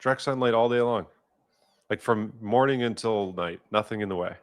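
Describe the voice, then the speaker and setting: A man hosting a casual live stream, talking in a relaxed, easygoing way and laughing often. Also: on the low side, moderate pace. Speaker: host.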